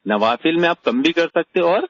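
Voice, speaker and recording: A man's voice: fairly high pitch, animated, fairly bright tone, no room sound, lo-fi sound. A man teaching a religious point in a debate-style chat, arguing with pointed rhetorical questions. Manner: argumentative, rhetorical questions, emphatic.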